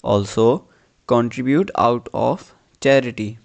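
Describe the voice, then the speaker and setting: In a gravelly, mid-range voice, a teacher dictates English text with care, breaking it into phrases and repeating them.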